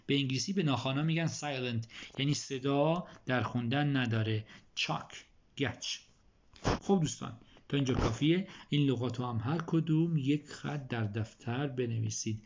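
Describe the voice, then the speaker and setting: A male teacher gives a recorded vocabulary lesson, slowly saying each word and then explaining it, in a voice of middle pitch. The recording sounds a little dull and lo-fi. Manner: slow, repeats each word then translates. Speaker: English teacher.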